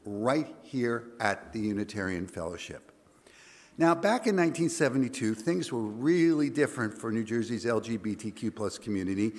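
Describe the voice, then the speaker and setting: American man, gravelly whiskey voice, hoarse, mid-pitched, prepared speech, long hall reverb. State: hoarse, strained voice. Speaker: community organization president speaking. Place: large indoor meeting hall.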